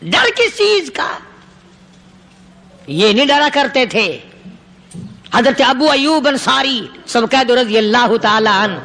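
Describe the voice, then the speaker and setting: Man preaching, high piercing voice, punchy rhythmic repetition. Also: animated, bright, forceful tone, long reverb tail. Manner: emphatic, rhythmic, repetitive lists. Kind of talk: sermon.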